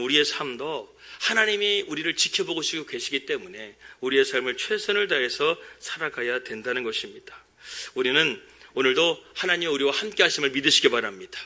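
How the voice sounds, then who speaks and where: Korean guy pastor preaching, really bright ringing voice, earnest, slows down to act out quotes. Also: mid-range voice, lively intonation. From South Korea. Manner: earnest preaching, acts out quoted dialogue in a slowed voice. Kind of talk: sermon. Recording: church service recording.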